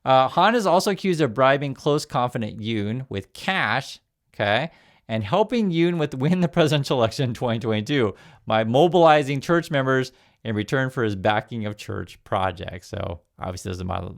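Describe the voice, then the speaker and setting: A medium-pitched male news commentator with vocal fry speaks at a moderate pace in a casual vlog. In his fifties, he was born in Vietnam and raised in the USA, and he reads articles aloud, tossing in his own comments with lots of fillers and restarts.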